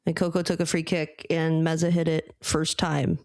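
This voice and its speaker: A woman co-hosting a casual sports podcast, talking in a measured, thoughtful way with a few fillers. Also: deep voice, little pitch movement, a little mellow, no echo. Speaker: podcast co-host.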